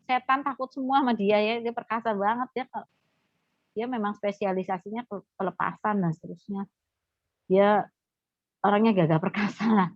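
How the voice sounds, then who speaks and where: A woman who is a doctor, giving an animated testimony in a church teaching and acting out the voices she quotes. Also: mid-range voice, normal speed, long pauses, no echo. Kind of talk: sermon testimony. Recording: dull, dry lo-fi recording.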